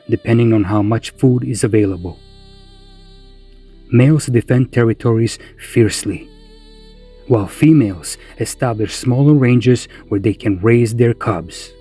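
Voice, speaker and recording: A male narrator with a dark, husky voice delivers scripted nature documentary lines. His phrasing is deliberate and solemn, at a mid-range pitch. Music plays behind him.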